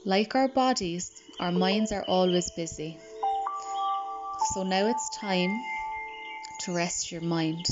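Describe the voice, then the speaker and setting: A woman guides a slow relaxation in a gentle, unhurried voice. The sound is a little muffled. Calm music plays clearly behind her, with birds chirping. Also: fairly low pitch. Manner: slow, soft and soothing. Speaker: meditation guide. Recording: slightly dull recording.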